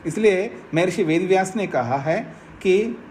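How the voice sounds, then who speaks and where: In a spiritual discourse on scripture, an Indian male swami speaks at a measured pace in a high, lively voice that rises and falls. Repetition and everyday examples carry each point, and a faint hum of room ambience can be heard.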